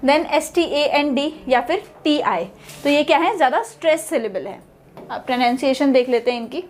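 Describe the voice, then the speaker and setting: A woman teaching pronunciation, repeating each word slowly and explaining in Hindi. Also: sits high. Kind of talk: online language lesson.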